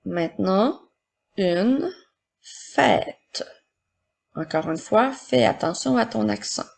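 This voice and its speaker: A woman teacher giving a slow, patient spelling and dictation lesson for young children, explaining step by step. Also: mid-range voice, expressive, vocal fry. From Quebec, Canada.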